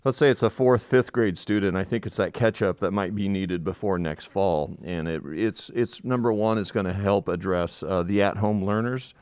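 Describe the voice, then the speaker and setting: A man's voice: deep voice, moderate pace, hardly any pauses, a little mellow, clear, resonant tone, no echo. A man speaking informally on a live school update, explaining things loosely, his voice slightly muffled by a face mask. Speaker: school administrator co-hosting a community update. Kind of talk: informal live podcast talk.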